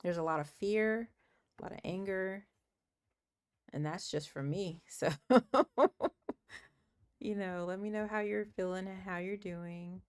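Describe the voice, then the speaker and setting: A woman hosting her own livestream, chatting casually and earnestly while she works through puzzles, with a croaky morning voice and frequent laughs. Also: medium pitch, fairly even intonation, a little slow, pauses often. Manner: chatty, earnest, laughs often, thinks aloud. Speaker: livestream host.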